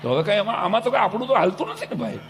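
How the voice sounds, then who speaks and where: Man, stage storyteller, fairly high voice, long hall reverb, faint music behind, lively delivery. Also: very fast. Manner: lively, switches voices for characters in his jokes. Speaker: folk comedian performing at a family wedding event. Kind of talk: humorous stage storytelling to a live audience. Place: large event hall with an audience.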